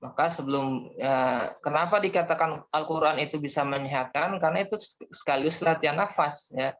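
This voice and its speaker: A man's voice: on the high side, a little fast, fairly bright tone. A young man teaching a class, patiently explaining step by step and calling on students. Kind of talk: online class lesson. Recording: dull lo-fi audio.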